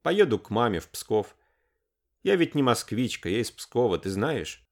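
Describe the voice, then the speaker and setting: Weepy young woman on a phone call, as a man reads her, high, sobbing, very lively. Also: a little slow. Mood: tearful, upset. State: crying.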